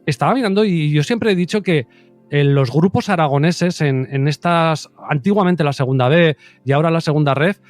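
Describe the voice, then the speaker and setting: A man's voice: fairly high pitch, normal speed, no echo, soft background music. A man hosting a podcast interview, asking long rambling questions in a casual chat. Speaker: podcast host.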